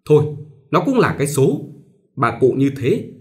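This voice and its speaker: A bossy old mother-in-law, scolding and superstitious, heard in a read-aloud novel, as a male narrator puts her on. Her voice sits well above his own and rides loud, high peaks. She swoops from coaxing to shrill lecturing. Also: very animated, moderate pace. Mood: drowsy lecturing.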